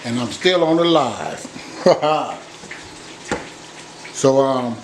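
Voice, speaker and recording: A man's voice: mid-range voice, very animated, very slow. A man hosting his own home cooking stream, chatting casually as he fries food in his kitchen. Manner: loose, chatty, tastes food on mic. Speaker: home cooking channel host. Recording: noisy home recording with frying. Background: sizzling frying.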